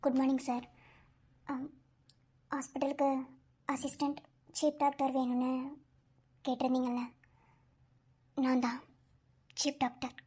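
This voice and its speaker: A woman voicing a guarded young woman doctor in an animated cartoon, speaking quietly and curtly. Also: high-pitched, unhurried, pauses often, husky. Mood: cold.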